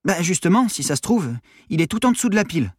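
A man's voice: high voice, very animated, quick pace, husky, no room sound, studio quality, voice pushed up, heavily acted. A man voicing a timid, hesitant young female secretary in an audiobook reading. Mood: timid flustered. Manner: hesitant, flustered.

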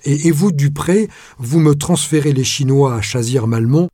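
A man's voice: a little high, moderate pace, dark tone, no room sound, clean studio sound, pitched above the performer's own voice, close to an everyday voice. A man voicing a casual, scheming businessman who wheedles and keeps tagging phrases with fillers. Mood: breezy. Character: offhand, scheming middle-aged male businessman.

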